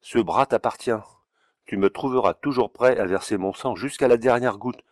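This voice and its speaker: A man's voice: lowish voice, lively intonation, normal speed, no room sound, studio quality, close to an everyday voice. A man voicing a fiery, grandiloquent young Napoleonic colonel in a declamatory storybook reading. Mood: fervent. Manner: declamatory, emphatic.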